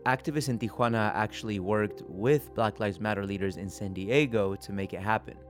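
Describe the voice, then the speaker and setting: A man reporting and hosting, telling a documentary story in a steady, earnest way. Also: lowish voice, brisk, faint music behind. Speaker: podcast reporter and host. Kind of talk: documentary podcast narration.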